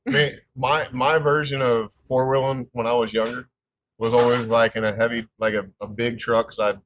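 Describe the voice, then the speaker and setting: A man's voice: medium pitch, level tone, normal speed, a bit bright, a little hiss or hum. Podcast host guy, asks lots of questions, easygoing. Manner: curious, asks follow-up questions. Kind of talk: casual chat.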